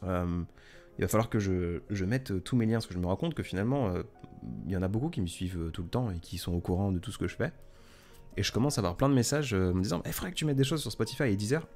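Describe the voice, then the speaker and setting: Soft-spoken low-voiced man hosting a live stream. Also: animated, quick pace, faint music behind. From France. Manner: soft-spoken, hesitant, many fillers. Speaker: live stream host reading chat. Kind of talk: casual live stream chat.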